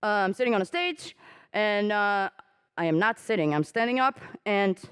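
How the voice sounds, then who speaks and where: On stage at a conference, a young woman whose first language is Portuguese speaks at a moderate pace in an animated, clear, resonant voice, poking fun at herself and cursing offhandedly. She performs quoted dialogue with sudden pitch leaps. The sound is studio quality with no echo.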